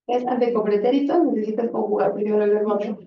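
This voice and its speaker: A woman's voice: mid-range voice, fairly even intonation, fast. A woman teaching a Spanish conjugation drill in a classroom, patient and encouraging and often praising answers. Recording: roomy, distant and dull classroom sound.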